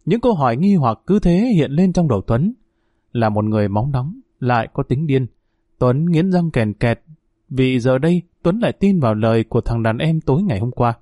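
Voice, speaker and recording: A man narrating a story in a steady, measured audiobook style. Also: medium pitch, no echo, clean studio sound.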